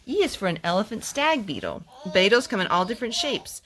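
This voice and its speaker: In a sing-song, fairly quick voice of medium pitch and a bit of brightness, a woman, a mother, runs a children's read-aloud. She mixes in chatting and songs, asking the child questions and saying their answers back to them.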